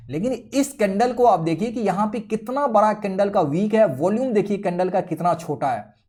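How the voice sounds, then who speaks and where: A trading educator walks viewers through a step-by-step chart-reading tutorial over a screen share, regularly checking in with them as he explains. His voice is high-pitched with a darkish tone.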